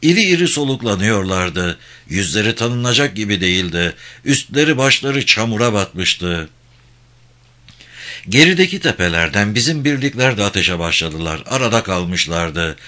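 Brief: male audiobook narrator, steady delivery, forceful bright tone. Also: fairly low pitch, normal speed. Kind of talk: scripted narration of a war novel.

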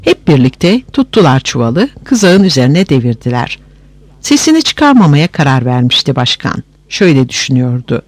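A man narrating a story aloud in an expressive, animated way. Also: mid-range voice, moderate pace, no echo.

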